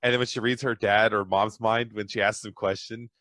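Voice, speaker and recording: A man's voice: fairly low pitch, little pitch movement, brisk, bright, forceful tone, dry recording, studio quality. A man chatting casually as a podcast guest, rambling through stories with a self-deprecating streak. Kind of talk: casual chat.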